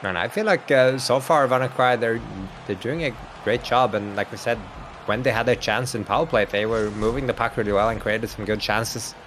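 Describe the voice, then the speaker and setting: A Swedish man, Swedish being his first language, gives play-by-play commentary in English on an online hockey match as an esports commentator. His mid-range voice is a bit bright and a little fast, and he chats with viewers, laughs often and reads out the chat. There's slight background noise.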